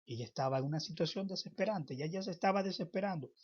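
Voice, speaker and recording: A man teaching a Bible lesson in a preaching style, with emphatic, drawn-out phrasing and sudden loud stresses. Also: a little high, breathy edge. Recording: dull lo-fi recording.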